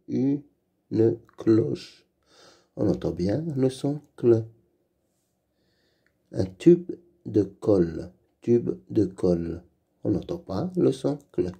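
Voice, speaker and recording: A man leading a slow reading lesson for young children, saying each sound and word twice. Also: fairly low pitch, mellow. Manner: repeats each word and sound slowly and clearly. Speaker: reading teacher.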